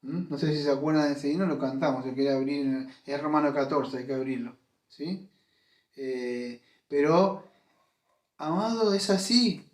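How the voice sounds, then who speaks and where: A man's voice: on the high side, moderate pace, roomy sound. A man preaching a sermon as pastor, emphatic and full of rhetorical questions. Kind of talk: Spanish-language sermon. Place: church.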